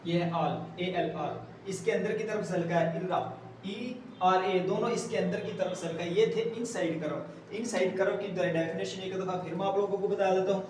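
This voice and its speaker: Male tutor, high-pitched voice, patient and repetitive, recorded from a distance in an echoey room. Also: a little mellow. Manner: patient, repeats words slowly while writing. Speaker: shorthand teacher. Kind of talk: step-by-step tutorial explanation. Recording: roomy echo, distant mic, faint hiss.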